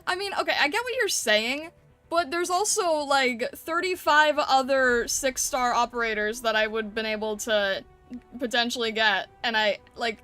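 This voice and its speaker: High-voiced woman streamer in casual chat. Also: moderate pace, bright, forceful tone. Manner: conversational, often ends with tag questions. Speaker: streamer hosting an art livestream. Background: background music.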